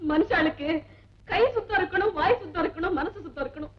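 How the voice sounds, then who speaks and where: An actress playing a nagging, sharp-tongued young wife in a 1970s film comedy, swinging between laughter and sobs. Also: female voice, very high voice, fast talker. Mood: complaining. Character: fed-up young wife of a turncoat husband. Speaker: exasperated wife. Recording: dull old film soundtrack.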